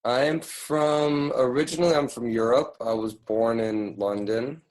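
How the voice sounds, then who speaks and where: A man in his thirties from New York, answering interview questions in an unhurried way with lots of "you know" and pauses. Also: mid-range voice, rough recording. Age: 30s. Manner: relaxed, unhurried, full of fillers like "you know". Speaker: guest, music producer. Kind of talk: casual interview.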